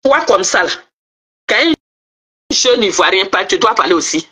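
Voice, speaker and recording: Speaking in a mid-range, pushed and bright voice with lively intonation at normal speed, this online commentator scolds and taunts viewers in a heated political tirade. She's a middle-aged woman from Ivory Coast with an Ivorian French accent, congested from a cold.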